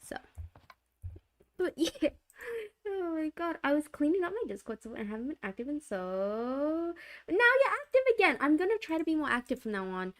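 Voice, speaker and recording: A woman's voice: high-pitched, very animated, normal speed. A young adult woman streaming from a home gaming setup into a desk mic, chatting casually, giggly and rambling, often repeating herself. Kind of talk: casual live-stream chat. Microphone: desk microphone.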